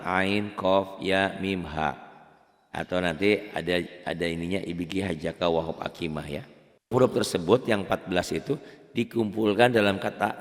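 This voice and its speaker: Deep-voiced guy teaching quran reading, chill and patient, sings the examples out slow, echoey room. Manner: patient explaining, drawn-out chanted recitation of examples. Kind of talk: casual spoken tajwid lesson.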